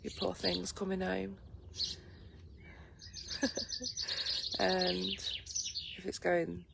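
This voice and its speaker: Croaky and lowish after just waking, a Lincolnshire vlogger drags out her words as she greets live viewers on a morning stream from her garden, rambling casually with plenty of ums. Her outdoor phone audio carries heavy background noise from loud birdsong and a light breeze.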